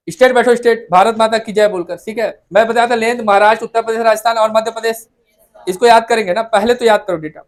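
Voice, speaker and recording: A male coaching teacher giving an exam-prep lecture in a classroom, drilling facts by repetition, teasing his students and mixing in English terms. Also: high-pitched. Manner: mixes English terms into the talk.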